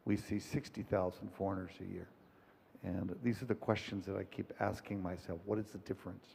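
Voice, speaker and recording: Gravelly low-voiced man on a panel. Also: flat delivery, brisk, darkish tone, slight background noise. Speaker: panel moderator, hospital international clinic head. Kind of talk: panel discussion. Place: conference auditorium. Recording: long reverb in a conference hall.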